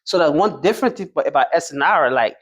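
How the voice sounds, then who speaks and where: A man's voice: on the high side, animated, brisk, husky, lo-fi sound. A man from Liberia answering interview questions as a truck driving school graduate, hesitant, with many fillers and restarts.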